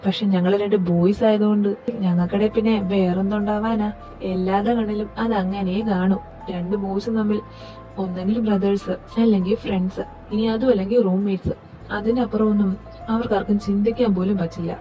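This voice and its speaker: A woman performing every role in a fan audio drama, in a lively, teasing and quarrelsome way. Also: medium pitch, fairly quick, muffled recording, soft background music. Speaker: voice actor reading all parts.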